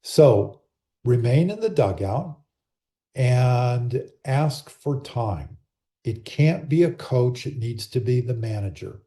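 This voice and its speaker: A man with a very dark, mellow voice explains umpiring rules to managers and coaches in a steady, patient tone. He speaks over a laptop microphone on a video call and now and then acts out how a coach and an umpire might talk. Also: mid-range voice, slow. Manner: calm, explanatory, acts out sample dialogue. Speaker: umpire and rules clinic presenter. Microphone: computer or laptop mic on a video call.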